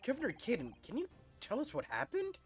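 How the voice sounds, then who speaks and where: An earnest young defense lawyer, read aloud by a man playing a game, probing and questioning. His pitch moves up and down lively as he presses for answers. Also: brisk, soft background music, full character voice.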